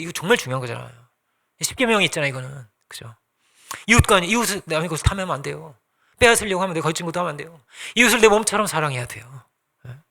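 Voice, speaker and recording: A man's voice: on the high side, creaky, sharp tone. A man pastor preaching a sermon in a conversational way, asking the congregation questions and acting out little quoted exchanges.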